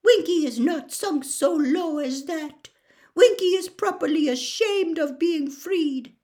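Winky, a shrill, tearful female house-elf. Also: slow, a little mellow. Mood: ashamed, furious. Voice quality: squeaky, screechy, wailing. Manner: broken servile grammar, melodramatic.

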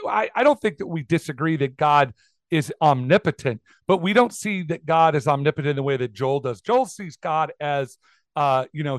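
A man co-hosting a podcast, talking through sermons in casual, animated commentary and slipping into mocking asides. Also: on the high side, dry recording. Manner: animated, mock voices in asides. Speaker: podcast co-host.

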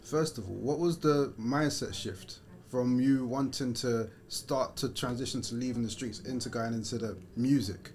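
A man's voice: mid-range voice, moderate pace, few pauses, a little mellow. Guy interviewing someone, normal mid voice, casual questions.

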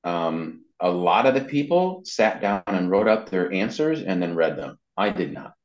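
This interview guest, a man who voice acts and designs websites, tells casual, meandering anecdotes about his work. He speaks in a low, sing-song voice at a moderate pace. Sound is lo-fi, roomy and dull.

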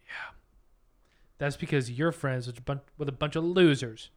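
Male podcast co-host, casual and jokey, runs on with self-mocking asides, mid-pitched voice. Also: moderate pace. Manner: rambling, self-deprecating, jokey. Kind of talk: casual couple chat.

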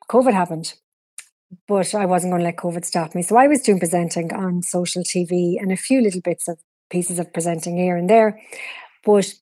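Mellow west of Ireland woman, chatty interviewee. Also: lowish voice, dry recording. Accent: west of Ireland, Galway. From Galway, Ireland. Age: middle-aged. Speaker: interview guest, TV producer and presenter. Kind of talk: conversational interview answers.

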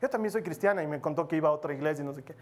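A male preacher voicing an earnest young female university student who asks him a question with quiet admiration. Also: on the high side, racing, pitched below the performer's own voice, close to an everyday voice.

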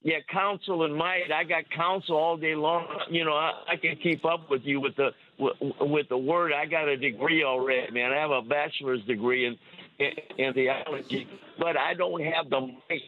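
A man's voice: a little high, steady tone. Stammering man on a breaking-up cell call. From Missouri. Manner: halting, stammering, rambling. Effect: cell phone call breaking up. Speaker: caller. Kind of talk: call-in chat on a religious show. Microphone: cell phone. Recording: tinny phone line, dropping out.

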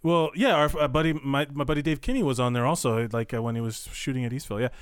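A man's voice: mid-range voice, fast, clear, resonant tone, no room sound, studio quality. A man talking loosely about comedians, full of fillers and swearing. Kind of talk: casual podcast chat.

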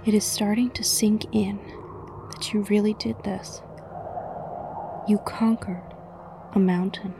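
A woman narrating a scripted guided meditation in a soothing, measured way with frequent pauses, her voice soft and breathy, often near a whisper. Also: medium pitch, level tone, background noise. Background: music.

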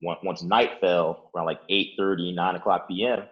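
Speaking from his Chicago apartment, a young man with a very deep voice meanders through an interview question, telling a story casually with lots of "like" and "uh" and frequent restarts. He keeps a steady tone at a moderate pace, and the audio is somewhat muffled and dull.

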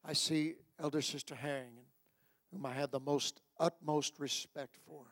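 A man preaching a sermon as a pastor, exhorting his congregation and repeating phrases for emphasis, moving between hushed pleading and shouting. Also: fairly high pitch, fairly even intonation, moderate pace, no echo, clean studio sound. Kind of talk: sermon with altar call.

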